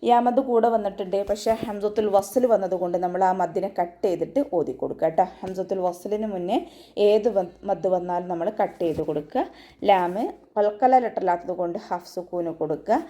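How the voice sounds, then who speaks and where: A woman teaching Quran recitation in an online tajweed lesson, giving steady step-by-step instruction and often ending with a gentle check-in. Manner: breaks into slow, high, sustained chanting for verse examples.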